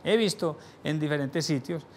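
A man teaching a live sales seminar. He asks the audience rhetorical questions and drops his voice low to stress key points. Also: normal speed, slight background noise. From Latin America. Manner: animated, shifts volume for emphasis, drops voice low on key points. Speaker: sales trainer.

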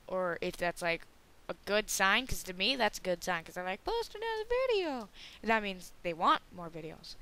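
A man's voice: high voice, normal speed, sharp tone, smooth. A teenage boy giving casual, rambling gameplay commentary, joking around and slipping into silly voices. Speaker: gaming video creator.

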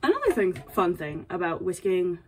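A young woman hosts a comedic cooking tutorial as a playful, sassy princess, flustered and playful, with a mock-dainty manner and dry asides. She drops her voice below her own register to a fairly low pitch that swoops wildly, at normal speed, with background noise audible. The recording comes from a kitchen camera a few feet away in a small indoor apartment.

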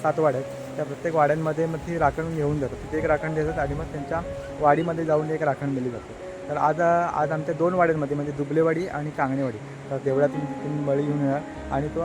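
Guy from konkan doing a village vlog, kinda high voice, chatty, talks right to the viewers, music playing under him. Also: low-quality recording. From Konkan, Maharashtra. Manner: chatty, addresses viewers directly, frequent restarts. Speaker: village vlogger. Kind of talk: casual vlog narration. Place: village home and outdoors.

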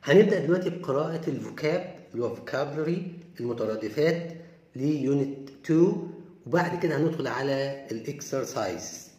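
A man with an Egyptian Arabic accent teaching English vocabulary, saying each word slowly several times and then explaining it. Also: mid-range voice, lively intonation, dark tone. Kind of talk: vocabulary lesson, reading words aloud and explaining. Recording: echoey room.

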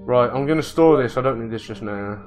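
A man commenting on his own gameplay, muttering to himself, swearing and getting excitable. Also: medium pitch, brisk, soft background music. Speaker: let's play gamer.

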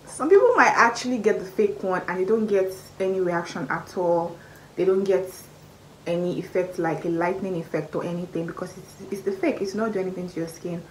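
A woman's voice: lowish voice, brisk, slight background noise, low-quality recording. Emphatic young Nigerian woman vlogging. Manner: emphatic, repeats key points, rises sharply for stress. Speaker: beauty vlogger. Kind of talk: casual product review vlog. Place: small indoor room by a curtained window. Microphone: camera at arm's length, face framed close.

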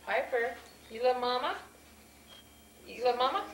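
A woman's voice: a little high, unhurried, echoey room, a little hiss or hum. A woman coaxing and playfully questioning her toddler during a family home video, heard on old camcorder audio. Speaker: mother filming with her children.

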